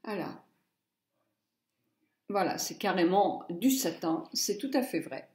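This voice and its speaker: A woman's voice: fairly low pitch, lively intonation, slow, darkish tone, reverberant. A middle-aged woman chatting through a makeup palette review, muttering asides and stumbling over English names. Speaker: beauty blogger.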